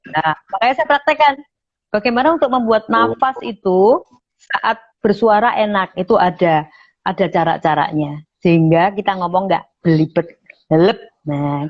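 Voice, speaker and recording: Brief: woman trainer, lowish voice, chatty explainer, dull lo-fi call audio. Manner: explains with frequent "nah", acts out sample phrases. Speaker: radio station manager and public speaking trainer. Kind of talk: online interview, explaining. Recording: muffled online call audio.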